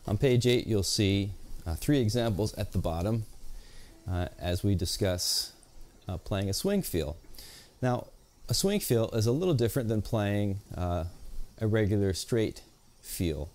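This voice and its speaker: Lowish-voiced man teaching jazz guitar. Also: animated, darkish tone. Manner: patient, explanatory, counts beats aloud slowly. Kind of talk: instructional video lesson. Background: guitar playing between explanations.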